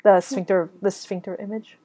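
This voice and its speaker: A woman coaching on a call, asking slow, gentle questions and murmuring agreement. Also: medium pitch, fairly even intonation, slightly rough, no room sound.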